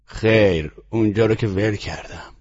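A man's voice: lowish voice, a little mellow, husky, dull audio, voice pushed up. A man voicing a rude, weary young man who answers curtly and sarcastically in an audiobook story. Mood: gruff. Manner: curt, cursing, sarcastic.

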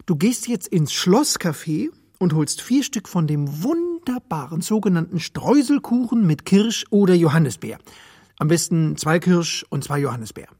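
A man's voice: a little high, big pitch swings, moderate pace, darkish tone, breathy edge, dry recording, clean studio sound, exaggerated voice. An actor playing a theatrical, mocking father in a radio play, with mannered speech. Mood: bossy.

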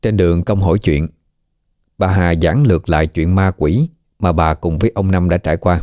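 A man narrating a horror story in a measured, even storytelling manner. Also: low-pitched, no room sound, studio quality.

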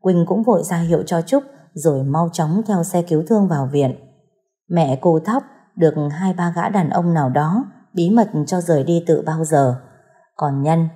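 A woman narrating a serialized audio story, reading in a steady, dramatic storytelling manner. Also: low voice. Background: soft background music.

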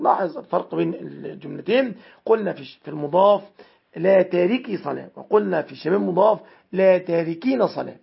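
A man's voice: on the high side, creaky, breathy edge. A man with an Egyptian accent teaching an Arabic grammar lesson, methodically parsing example sentences one word at a time. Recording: dull lo-fi recording.

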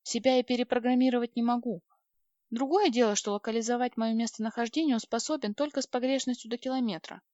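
A woman reading an audiobook voices a polite, shy male alien who speaks softly and precisely, on a dry, slightly dull recording. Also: fairly high pitch, fairly even intonation, fast, no room sound, pitched above the performer's own voice, close to an everyday voice. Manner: soft-spoken, courteous, precise.

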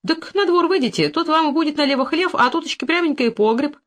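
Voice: high voice, quick pace, a bit bright, pitched above the performer's own voice. A reader putting on a chirpy village housewife. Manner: chirpy, bustling. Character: cheerful chattering village housewife.

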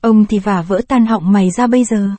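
A woman's voice: mid-range voice, fairly quick, mellow, no echo, close to an everyday voice. A woman voicing a greedy, bullying old male village clerk who barks threats in a storybook reading. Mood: threatening. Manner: barking, threatening.

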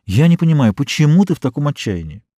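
A man reads a self-assured young woman, calm and unbending, speaking steadily. His voice stays dark and dry, with no room sound. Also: on the high side, fast, no echo, pitched above the performer's own voice. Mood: firm. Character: calm, stubborn young woman set on her choice. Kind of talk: audiobook character reading.

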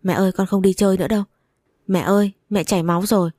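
A woman voicing a small boy who cries and begs to stay with his mother, higher and faster than her own voice. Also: fairly even intonation, mellow, dry recording, studio quality, lightly acted. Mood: pleading. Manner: pleading, sobbing cries.

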